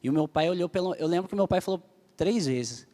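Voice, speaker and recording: A man's voice: high voice, fast, warm tone, in a large hall. A young man from Brazil giving an emotional personal testimony as a church leader, telling his story earnestly and animatedly to the group.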